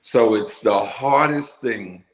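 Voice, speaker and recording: A middle-aged man talking as an interview guest about his work, telling his story in an emphatic, animated way. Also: medium pitch, slow, echoey room. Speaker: interview guest, musical poet. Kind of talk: casual conversational interview.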